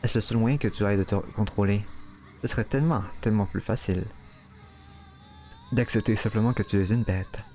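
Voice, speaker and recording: A man's voice: lowish voice, a little fast, long pauses, mellow, lightly acted. Visual-novel tempter voice, male, cold and mocking, read by a man. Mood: taunting. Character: mocking male inner voice, cruel, goading.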